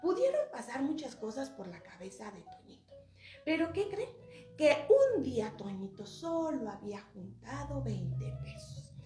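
A woman tells a Bible story to children as their church teacher. Her voice is high and swings widely as she asks them questions. The echoey room carries a faint music bed. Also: big pitch swings, measured pace, mellow.

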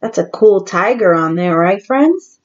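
A woman teacher reads a picture book aloud to young children, deliberate and animated, adding asides to her audience. Her voice is medium-pitched, and the highs are cut off.

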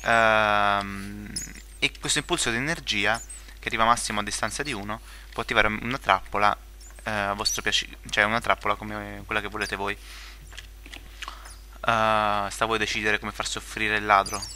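A man's voice: lowish voice, level tone, moderate pace, bright, forceful tone, slight background noise. A young man giving casual gameplay commentary, rambling with many fillers, restarts and joking asides. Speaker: gaming video creator.

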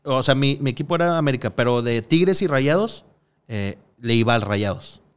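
A podcast guest, a man, talks in a smooth, clear voice at a middling pitch. He rambles through anecdotes, pausing on fillers and acting out what others said. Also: animated. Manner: rambling storyteller, frequent hesitations and acted-out quotes. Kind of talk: casual podcast conversation.

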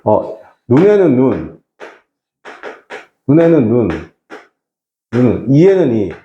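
A middle-aged man teaching an English reading class to high school students, often asking rhetorical questions. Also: very animated, slow pace, muffled recording, a little hiss or hum. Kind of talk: classroom lecture.

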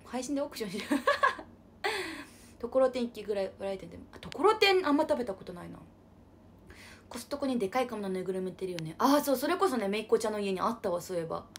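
Young female streamer, bubbly casual chat, bright animated delivery. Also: a little high, a little hiss or hum. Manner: bubbly, refers to herself with an unusual cutesy pronoun. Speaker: livestream idol host. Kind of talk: casual livestream chat reading comments.

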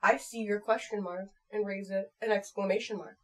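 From a small home room at her computer desk, an American performer in her twenties reads viewers' comments and chats with them casually, playful, frank and slightly crude. Her voice is medium in pitch, fairly even, a bit bright, and at a normal speed, in a relaxed vlog-chat style.

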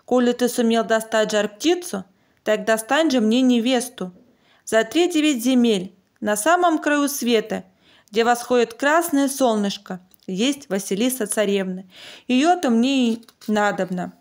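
A woman storyteller plays a demanding tsar from a storybook. The voice is fairly high and commanding, handing out orders and threats. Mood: commanding, threatening. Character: demanding, threatening male tsar of a fairy tale. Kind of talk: storybook narration in character.

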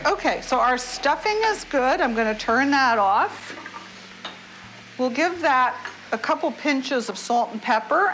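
In a home kitchen, a middle-aged woman demonstrates a recipe step by step, her tone warm and instructive while music plays underneath. She speaks fairly high and a bit bright, and the poor audio carries a little hiss or hum.

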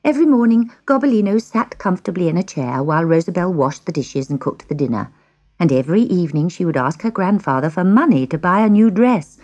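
A woman narrating a children's storybook in an expressive, gently dramatic way. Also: lowish voice, fast talker, muffled recording.

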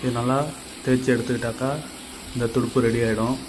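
A carpenter from Tamil Nadu explains on his channel, step by step, how to make a tool, talking fairly quickly in a flat, medium-pitched voice. He's casual and plain, repeating himself, over a noisy background.

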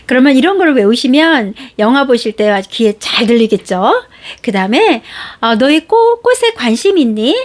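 A woman's voice: on the high side, big pitch swings, moderate pace. A Korean woman teaching English phrase patterns, spelling out each phrase for drills and encouraging her listeners.

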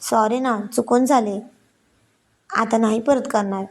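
A woman's voice: a little high, fairly even intonation, unhurried. A woman voicing a playful young newlywed wife who coaxes and pleads with her husband, in a read-aloud story. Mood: pleading. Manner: coaxing, pleading.

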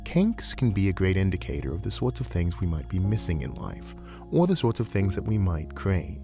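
In a measured, eloquent roleplay audio, a man plays a snake-like counselor who is genteel and soothing yet playfully predatory. His voice sits low and has a warm tone.

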